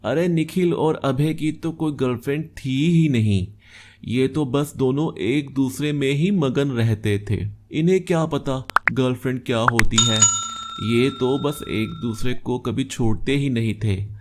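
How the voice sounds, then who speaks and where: A man voicing a drunk male college friend who loudly mocks and accuses two old classmates. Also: medium pitch, a little slow, noisy background, close to an everyday voice. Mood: mocking. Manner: taunting, raised and agitated.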